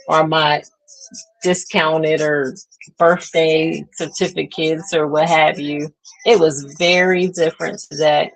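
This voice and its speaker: A woman's voice: low-pitched, creaky, rough recording. A woman in her thirties, a vlogger chatting casually to her viewers, rambling and trailing off as she searches for words. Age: 30s. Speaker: beauty vlogger. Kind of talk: casual chat to camera.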